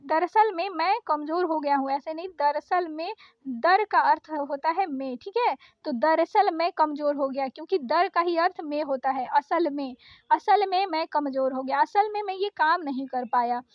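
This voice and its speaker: A woman's voice: sits high, moderate pace, dry recording, lo-fi sound. A woman teaching an exam-prep Hindi grammar lesson. She reads out each faulty sentence, then patiently corrects it, often stopping to restart her words.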